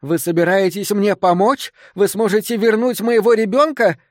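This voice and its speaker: A man reading an audiobook, voicing a deranged grieving woman who confesses to a killing, hoarse with rage and near sobbing. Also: moderate pace, warm tone, no echo, clean studio sound, close to an everyday voice. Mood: bitter. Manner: shrill, vengeful outbursts.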